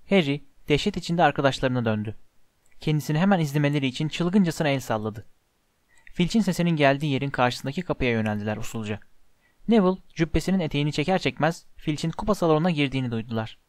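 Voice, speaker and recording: A man reading a story aloud as narrator, in a steady, expressive way. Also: fairly high pitch, no room sound. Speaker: audiobook narrator.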